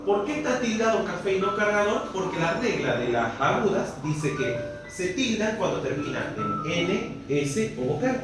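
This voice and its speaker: A man with an Argentine Spanish accent teaches a language class in a high, very animated voice at normal speed, walking through each step and often asking whether the students are following. He sounds far from the mic in a very echoey space. Music plays behind him, and the recording is low quality.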